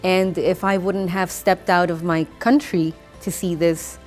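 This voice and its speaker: A woman's voice: fairly low pitch, flat delivery, measured pace, soft background music. A young woman from Rica, speaking English in a thoughtful testimonial with frequent fillers and restarts. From Costa Rica. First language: Spanish. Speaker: master's graduate. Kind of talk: testimonial interview.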